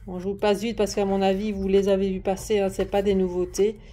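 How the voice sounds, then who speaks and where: Chatty French woman with a mellow voice. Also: mid-range voice, flat delivery, fairly quick. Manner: chatty, hesitant, many fillers and restarts. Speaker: craft haul vlogger. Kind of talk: casual show-and-tell vlog. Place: at home at a desk. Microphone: camera on the desk, moved closer and back.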